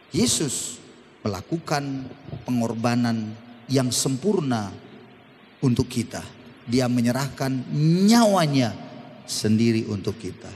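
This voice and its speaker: A middle-aged man preaching a lively, humorous sermon in a church, drawing call-and-response from the congregation. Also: mid-range voice, a little hiss or hum. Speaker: pastor. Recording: long church-hall reverb.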